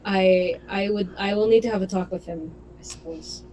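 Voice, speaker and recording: A woman's voice: mid-range voice, steady tone, dark tone, a little hiss or hum, rough recording. A woman playing the captain in a tabletop role-play, hesitant and full of fillers. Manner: slow and hesitant, many fillers. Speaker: player as the captain.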